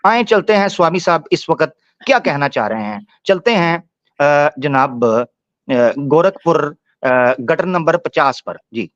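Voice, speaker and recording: A man hosting a live-streamed panel discussion, telling the story in a mocking, animated way. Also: fairly high pitch, measured pace, dry recording, dull audio. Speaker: debate show host.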